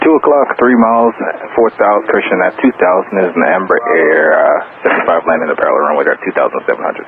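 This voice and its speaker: A man's voice: low voice, fast talker. A man working as a tower controller, giving clipped, procedural instructions over aviation radio. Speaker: airport tower air traffic controller. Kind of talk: rapid clipped radio phraseology, issuing instructions. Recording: narrow, staticky air traffic radio transmission.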